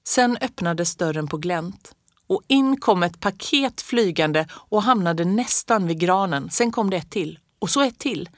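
Woman, storybook narration, low voice, dry close sound. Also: animated, dry recording. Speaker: audiobook reader.

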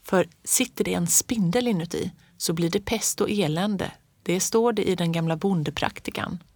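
Woman voicing a calm folksy old countryman. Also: mid-range voice, no echo, close to an everyday voice. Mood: hushed. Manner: unhurried, homespun storytelling.

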